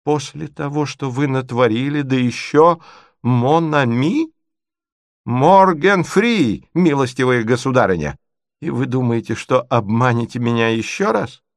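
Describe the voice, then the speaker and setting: A man voicing a hot-tempered young gentleman, jilted and indignant, with drawn-out shouted outbursts in a storybook reading. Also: medium pitch, animated, creaky, dry recording, studio quality. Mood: outraged.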